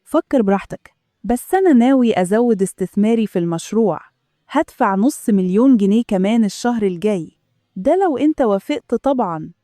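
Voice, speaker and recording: A woman voicing a scheming middle-aged male business partner with an Egyptian accent, calm and persuasive, in a storybook reading. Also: mid-range voice, fairly quick, no echo, clean studio sound, natural voice. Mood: pressuring. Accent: Egyptian Arabic.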